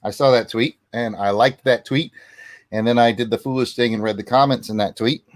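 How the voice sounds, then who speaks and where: A man with a mid-pitched voice co-hosts a casual football fan show. He makes his points emphatically and deliberately, leaning on key words. The sound is close and dry. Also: steady tone, no room sound. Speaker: sports podcast co-host. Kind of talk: casual fan talk and ranting about college football.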